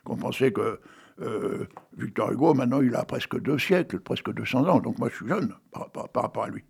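A man's voice: medium pitch, animated, fairly quick, vocal fry, slightly rough. A man in his eighties, a radio host who reads poetry and chats with his listeners, full of joking asides and tag questions. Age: 80s. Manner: chatty, joking asides to listeners, many "hein". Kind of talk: casual chat and poetry reading. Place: radio studio with a technician.

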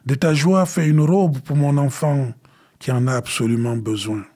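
A man voicing a poor, desperate mother, pleading softly for her child. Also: medium pitch, steady tone, normal speed, pitched above the performer's own voice, close to an everyday voice. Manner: pleading, soft and gentle.

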